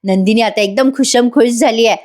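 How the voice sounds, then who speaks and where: Chatty woman reviewer, fairly high voice. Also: a little fast, darkish tone. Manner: chatty, addresses viewers directly. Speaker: TV serial reviewer.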